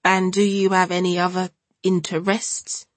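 A woman's voice: on the low side, completely flat delivery, moderate pace, dry recording, natural voice. A woman voicing a stiff, pompous young male zealot who preaches in long, formal sentences. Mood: prying.

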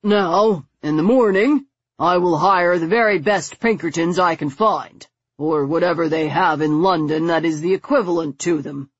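A woman reading an audiobook, voicing a pompous, fatherly older gentleman. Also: fairly low pitch, a little slow, gravelly, husky, no room sound, dull audio, exaggerated voice. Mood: blustering.

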